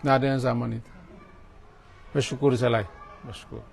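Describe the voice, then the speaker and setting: A man preaching a sermon in a mosque, lively, switching between quiet stretches and loud acted-out voices. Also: medium pitch, moderate pace, creaky.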